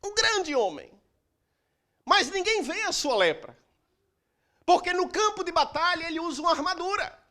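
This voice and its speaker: A middle-aged man delivers a sermon from a church pulpit. His voice sits strikingly high and moves animatedly up and down. He preaches emphatically, stretching pauses and swinging between loud declarations and near-hushed lines. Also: lively intonation. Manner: emphatic preaching with dramatic pauses and shifts in loudness. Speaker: pastor.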